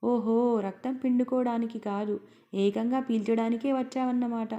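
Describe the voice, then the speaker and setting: A sarcastic, nagging middle-aged wife who scolds without letup, as a woman reading a story puts her on. Her tone is mellow and dark, and she climbs higher and louder as she grows indignant. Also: fairly even intonation, moderate pace, highs cut off, natural voice. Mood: angry scolding.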